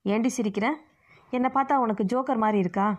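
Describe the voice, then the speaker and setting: A woman's voice: on the high side, fast, close to an everyday voice. Woman voicing a bossy lecturing aunt. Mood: scolding. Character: bossy middle-aged aunt, scolding and lecturing. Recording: muffled lo-fi recording.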